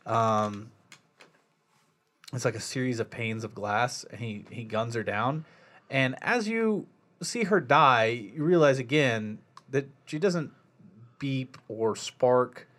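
A man's voice: medium pitch, slow pace, a bit bright. A man casually recapping a film plot on a podcast, rambling with filler words. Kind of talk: casual movie discussion.

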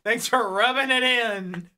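A young man co-hosting a podcast, cracking jokes and bantering quickly. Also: very high voice. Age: young adult. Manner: joking, animated, quick banter. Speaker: podcast co-host. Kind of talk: casual chat.

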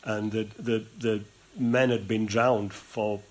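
A man's voice: fairly low pitch, level tone, takes it slowly, a little mellow. A man hosting an interview, chatting casually and recounting background stories to his guest. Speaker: interviewer and host. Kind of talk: casual chat.

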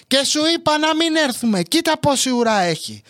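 A man voicing his flustered, bossy mother, who nags and calls out in a shrill, repetitive way as she hurries. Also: sing-song, a bit bright, dry recording, clean studio sound. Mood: complaining. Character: flustered nagging mother, middle-aged, always hurrying.

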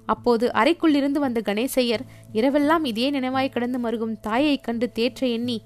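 A woman narrating a short story aloud in an expressive reading voice. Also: on the high side, normal speed, faint music behind.

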